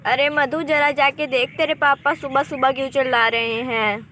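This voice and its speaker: A woman's voice: high voice, fairly even intonation, normal speed, pushed and bright. A woman voicing a middle-aged village mother who chatters and complains. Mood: complaining. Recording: noisy home recording.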